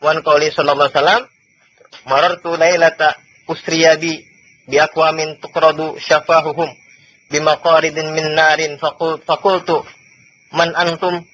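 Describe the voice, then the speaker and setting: A man teaching a classical religious book, slowly reading passages and explaining them in a chatty way, heard on old worn tape. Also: a little high, level tone, fairly bright tone. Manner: chatty, chuckles often between points; reads classical text slowly then explains it. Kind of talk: classical book study lesson. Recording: dull lo-fi old tape with faint hiss.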